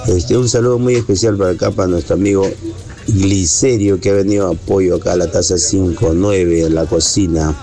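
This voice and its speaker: A man's voice: sits low, steady tone, fairly quick, warm tone, soft background music. A man calling in to a radio show to send friendly greetings to friends. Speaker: caller. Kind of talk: call-in greetings.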